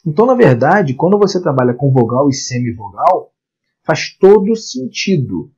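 A man teaching exam-prep grammar, asking and answering his own questions in a lively lecture. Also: on the high side, moderate pace, slightly rough, highs cut off. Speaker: Portuguese teacher.

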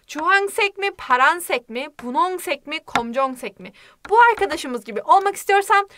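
A woman teaching a language lesson in a playful manner, repeating words slowly for learners. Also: extremely high pitch, expressive, sharp tone, slight background noise.

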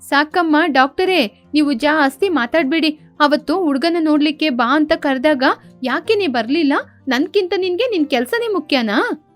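A woman voicing a gentle young bride who lovingly scolds her younger sister, in a storybook tale. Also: high-pitched, lively intonation, moderate pace, faint music behind. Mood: chiding.

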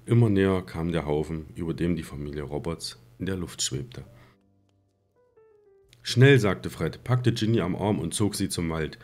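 A man reading a novel aloud in a plain, steady voice for an audiobook series. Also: sits low, moderate pace, hardly any pauses, faint music behind.

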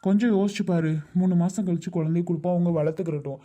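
A man's voice: sits high, fast talker, dark tone, dull audio, close to an everyday voice. A man playing an older father-in-law who coaxes and insists, repeating his pleas, in a family drama skit. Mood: pleading.

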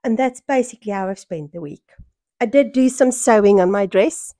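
A middle-aged South African woman with a hoarse voice worn by a cold, chatting casually in a home vlog. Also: medium pitch, moderate pace, mellow, dry recording, studio quality. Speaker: sewing vlogger. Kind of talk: casual vlog chat to camera. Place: small furnished room at home, indoors. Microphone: small microphone held near the mouth.

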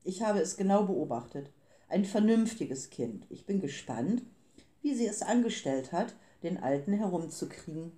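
A woman's voice: lowish voice, expressive, moderate pace, warm tone, close to an everyday voice. A woman reading the lines of cold, businesslike grey men who steal time, in a clipped, formal manner. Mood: cool. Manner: clipped and formal, turning panicked.

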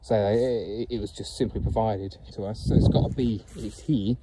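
A man's voice: lowish voice, fairly even intonation, normal speed, heavy background noise. A man filming a casual outdoor walk-and-talk vlog on a phone, rambling with many ums and chuckles. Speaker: geocaching vlogger. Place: outdoors by a fence and bushes.

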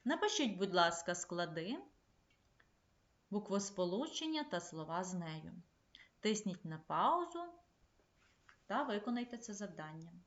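Woman teacher talking kids through a remote lesson, slow clear instructions, echoey room, bit muffled. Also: lowish voice, sing-song. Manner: clear, measured classroom instruction. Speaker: primary school teacher. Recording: echoey, slightly dull room recording.

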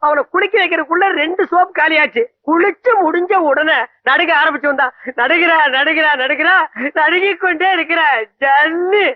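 A fussy, gossipy man with a very high, strained voice who chatters and dramatizes. Dry, dull lo-fi film sound. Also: moderate pace, dry recording. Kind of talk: Tamil film comedy acting.

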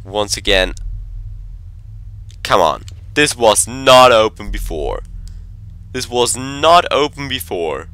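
A man's voice: fairly low pitch, expressive, slow, pauses often, bright, forceful tone, no room sound. A man commentating his own horror game play, jumpy and talking to himself, sometimes dropping to a whisper when scared. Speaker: gameplay commentator.

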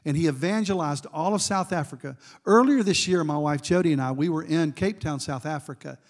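Middle-aged guy preaching, tells stories, talks to the crowd, voice sits a bit high. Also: brisk. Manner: storytelling with asides to the congregation. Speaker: guest preacher. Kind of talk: sermon.

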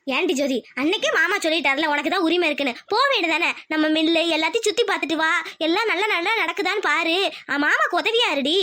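A woman's voice: extremely high pitch, fast talker, sharp tone, pitched below the performer's own voice. A woman voicing a bossy, scheming middle-aged sister-in-law in a cartoon, coaxing and ordering others around.

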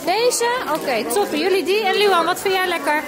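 A woman's voice: extremely high pitch, normal speed. A woman in her thirties with a Netherlands Dutch accent, chatting casually and cheerily to her children and the camera as a family vlogger. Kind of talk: casual vlog chat. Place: busy amusement park. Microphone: handheld camera at arm's length. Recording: music and busy crowd noise behind.

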